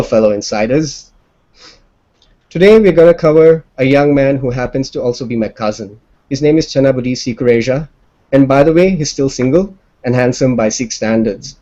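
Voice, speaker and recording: Brief: male interview host, mellow and warm, playful delivery, slightly dull audio with faint music underneath. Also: medium pitch. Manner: lively, playful, repeats words when asking questions. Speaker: podcast host interviewing a guest. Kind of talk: conversational interview hosting.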